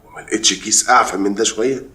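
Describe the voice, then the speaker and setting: Egyptian crime boss, lowish, quick and clipped, roomy echo. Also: male voice, steady tone, pushed and bright. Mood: commanding. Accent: Egyptian Arabic. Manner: cool, commanding boss. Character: powerful crime boss, calm and in control. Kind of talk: TV drama acting.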